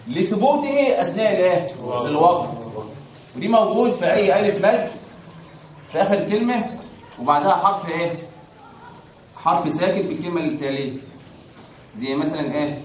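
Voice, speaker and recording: Egyptian teacher drilling students, echoey room. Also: male voice, high-pitched, distant mic. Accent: Egyptian Arabic. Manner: call-and-response questioning, drilling pronunciation. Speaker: Quran recitation teacher. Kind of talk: Quran recitation lesson.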